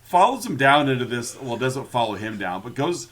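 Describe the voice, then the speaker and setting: A man's voice: mid-range voice, very animated, normal speed, a bit bright. A man co-hosting a podcast, recapping a film in casual chat, laughing often and mock-quoting the characters. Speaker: podcast co-host.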